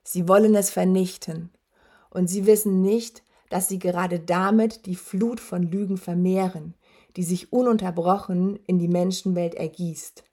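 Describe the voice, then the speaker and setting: A woman's voice: on the low side, steady tone, a little slow, mellow. A woman voicing a huge, dying male werewolf who taunts with a rattling, wheezing voice. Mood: gloating menace. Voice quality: rattling, rasping voice. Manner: taunting, gloating. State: wheezing, labored breath.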